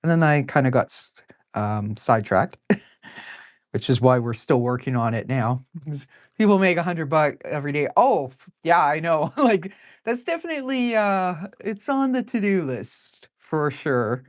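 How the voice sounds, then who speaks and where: Drawing live on stream, an expressive artist in her forties talks casually in a low, deep voice. Her chatter wanders, broken by frequent laughter and plenty of ums and uhs, recorded in studio quality without room sound.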